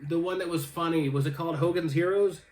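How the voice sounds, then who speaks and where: A man's voice: fairly high pitch, steady tone, fast talker, a little mellow. A young man talks casually through viewer comments, wandering off on tangents. He stumbles over his words often, with plenty of ums and restarts. He pokes fun at himself along the way. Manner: chatty, self-deprecating, full of fillers and restarts. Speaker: host reading viewer comments. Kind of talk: casual rambling chat.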